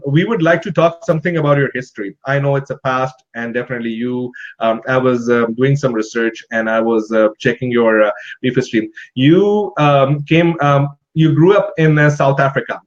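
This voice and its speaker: A man hosting an online talk show interview, agreeable and hesitant, often pausing on fillers. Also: mid-range voice, dull audio. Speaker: host.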